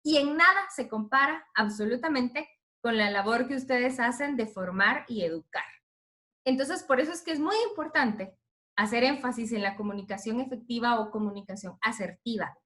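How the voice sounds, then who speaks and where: A woman in her thirties speaks to a group of teachers with the lively, expressive manner of a radio announcer. Her voice sits a little high and rings bright. She tells her story with animated, changing emphasis. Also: moderate pace. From Guatemala. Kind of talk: talk to teachers.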